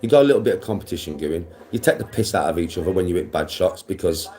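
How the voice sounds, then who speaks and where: A man's voice: low-pitched, lively intonation, fast, mellow. A middle-aged man, casually chatting on a livestream, swearing freely and calling viewers bro. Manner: laid-back, swears freely, slangy, calls viewers bro. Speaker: livestream host reading chat.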